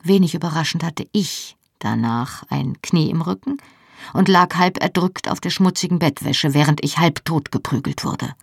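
A woman reading a first-person novel aloud in a measured, calm way. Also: sits low, creaky, slightly rough, dry recording, studio quality. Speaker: audiobook narrator.

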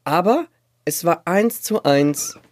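A man co-hosting a casual talk podcast, telling stories in an animated way and mixing in English words. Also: a little high, slow. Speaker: podcast co-host. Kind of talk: casual chat. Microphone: podcast microphone.

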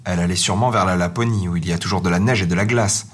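A man's voice: sits low, fairly even intonation, rapid-fire, a bit bright, husky. A man voicing a reindeer dreaming of its snowy homeland in a storybook reading. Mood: dreamy. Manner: dreamy, proud. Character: reindeer, yearning for the snowy north.

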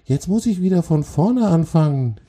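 Man voicing Sila, a tiny shrill cross spider. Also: expressive, normal speed, mellow. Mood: indignant scolding. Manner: scolding, grumbling, impatient. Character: tiny cross female forest spider, impatient.

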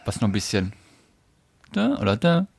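A man's voice: fairly low pitch, sing-song, moderate pace, gravelly, slightly rough, dry recording, clean studio sound. A man co-hosting a podcast, chatting casually and teasing his partner with playful questions. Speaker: podcast co-host. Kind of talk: casual chat.

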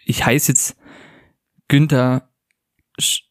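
A man co-hosting a podcast, acting out a frantic phone-call sketch in hushed, panicked whispers and curses. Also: mid-range voice, little pitch movement, very slow, no echo, studio quality. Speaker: podcast co-host.

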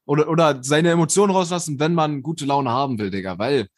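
A man's voice: fairly high pitch, fast, dry recording, clean studio sound. Slangy young man ranting in a podcast. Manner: slangy, swearing, rambling. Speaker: podcast co-host. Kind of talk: casual chat.

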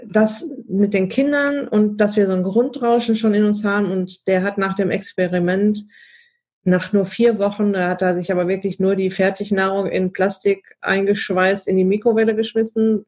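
Chatty woman with a breathy voice. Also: mid-range voice. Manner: chatty, animated storytelling. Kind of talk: casual conversation.

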